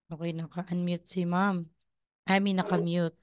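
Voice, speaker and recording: Patient woman teaching pronunciation slowly. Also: on the low side, level tone, dull audio, a crowd in the background. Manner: patient, coaxing, repeats sounds for students. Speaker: Korean language teacher. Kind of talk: online class teaching. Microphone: video call.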